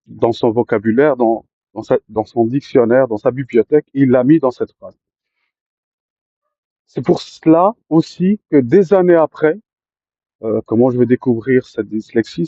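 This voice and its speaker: Man in a halting personal monologue, mid pitch, dry and slightly muffled recording. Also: warm tone, no echo. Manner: hesitant, many fillers and restarts. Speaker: storyteller recounting his life. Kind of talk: personal storytelling to camera.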